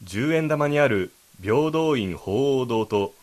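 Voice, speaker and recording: A man's voice: mid-range voice, expressive, takes it slowly, darkish tone. A man co-hosting a language lesson, explaining and rephrasing lines in a polite, explanatory manner. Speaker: co-host.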